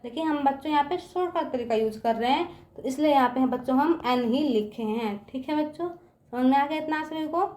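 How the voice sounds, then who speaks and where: A woman teacher with a high-pitched but darkish-toned voice spells words for children letter by letter, speaking briskly. She keeps asking whether they've understood, and her voice rings around an echoey room.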